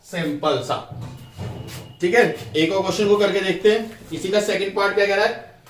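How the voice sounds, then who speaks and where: A man teaching a school math lesson, explaining step by step and quizzing his students with quick questions. He reads terms. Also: sits high, echoey room, distant mic, faint music behind.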